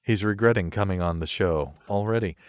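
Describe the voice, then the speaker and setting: A man with a buttery smooth voice hosting a podcast with casual, jokey banter. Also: on the low side, fairly quick, dry recording, clean studio sound. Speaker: podcast host.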